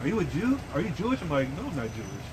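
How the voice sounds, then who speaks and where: A young man in casual street discussion, speaking fast, emphatic and slangy as he teaches visitors. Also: fairly high pitch, wildly swooping pitch. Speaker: camp member teaching visitors. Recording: noisy outdoor street recording.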